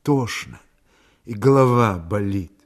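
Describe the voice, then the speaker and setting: A man voicing a sick, frightened young Cossack woman who speaks quietly and partly in a whisper. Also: medium pitch, expressive, unhurried, slightly rough. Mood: weary.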